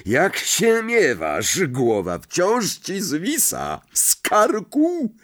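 A man's voice: wildly swooping pitch, very slow, exaggerated voice. A man doing a roaring headless ghost knight. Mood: boisterous mockery. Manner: loud, booming, roaring laughter. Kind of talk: audiobook reading.

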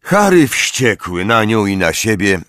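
Slow, expressive male audiobook narrator. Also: on the low side, dry recording, clean studio sound. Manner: measured, expressive storytelling. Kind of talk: scripted narration.

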